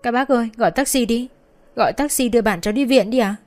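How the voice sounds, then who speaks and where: A woman's voice: mid-range voice, brisk, soft background music, voice pushed up, lightly acted. A woman voicing a young woman who cries and begs bystanders for help. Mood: pleading, tearful. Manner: tearful, begging, shouting.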